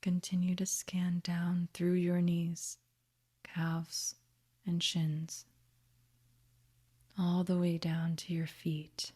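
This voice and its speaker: A slightly rough, dark and mellow female voice leads this guided meditation almost in a whisper. She stays monotone, her pitch hardly moving, as she delivers gentle, soothing instructions one at a time at a very slow, unhurried pace.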